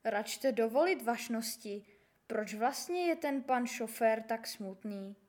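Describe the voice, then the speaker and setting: A kind, chatty postman, put on by a woman reader in a spoken fairy tale. He talks in a lowered, somewhat low-pitched voice, courteous and eager, and can reel off long strings of teasing names. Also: darkish tone, lightly acted. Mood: polite, curious. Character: kind, chatty middle-aged male postman. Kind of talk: storybook character voice.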